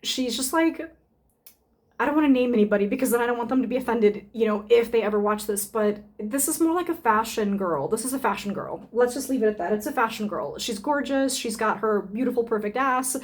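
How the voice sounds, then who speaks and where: Chatty, rambling woman vlogger, slightly high. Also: brisk. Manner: rambling, many fillers, swears freely, thinks aloud while sniffing samples. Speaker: burlesque performer reviewing perfume samples. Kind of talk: casual unscripted vlog chat.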